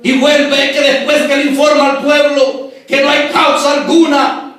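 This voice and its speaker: High-voiced fervent preacher man. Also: flat delivery, measured pace. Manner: fervent, bursts into shouts on key phrases; addresses the congregation as brothers. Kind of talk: Sunday sermon. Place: large church hall. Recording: echoey church hall from far off.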